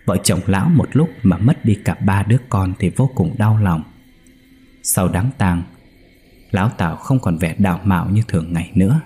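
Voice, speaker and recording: Low husky male ghost-story narrator. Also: moderate pace, warm tone, faint music behind.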